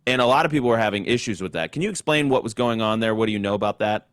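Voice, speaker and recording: A man's voice: on the low side, lively intonation, rapid-fire, a bit bright, clear, resonant tone, dry recording. A man hosting a political talk show, giving commentary and putting questions to guests.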